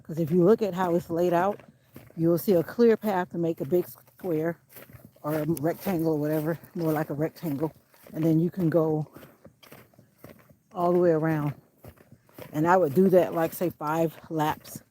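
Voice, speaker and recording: A woman's voice: deep voice, fairly even intonation, moderate pace, pauses often, dark tone, a little hiss or hum, rough recording. A woman chatting casually while walking a country road, out of breath, filmed on a handheld camera. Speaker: vlogger.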